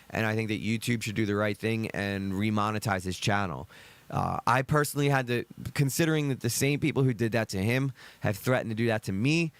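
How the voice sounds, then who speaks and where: A man with a Northeastern American accent, hoarse from a cold, casually hosting a livestream and greeting chat viewers. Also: no echo. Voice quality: deep, gravelly. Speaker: livestream host.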